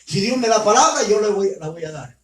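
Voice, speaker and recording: A man's voice: sits high, lively intonation, a little fast. A man retelling scripture who voices a steadfast prophet speaking firm, solemn warnings, in a roomy recording from a distance. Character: steadfast male prophet of God. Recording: roomy sound from far off.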